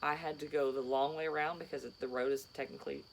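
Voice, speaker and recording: A woman's voice: sits low, fairly even intonation, fast, creaky, slight background noise. A tired woman in her thirties, a teacher co-hosting a casual chat show, rambling chattily through her stories. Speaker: teacher and podcast co-host.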